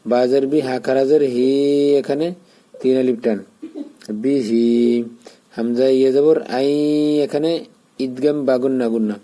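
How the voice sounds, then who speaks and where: A man's voice: mid-range voice, fairly even intonation, mellow. A man teaching Quran reading, spelling out the Arabic letter by letter and patiently explaining how to join the sounds. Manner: slow drawn-out chanting when joining words.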